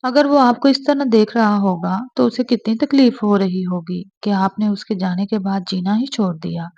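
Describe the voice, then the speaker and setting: A woman's voice: medium pitch, normal speed, vocal fry, dark tone, no echo, dull audio. A woman voicing a caring, earnest young wife in a storybook reading. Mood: coaxing. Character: young married woman, caring but defiant.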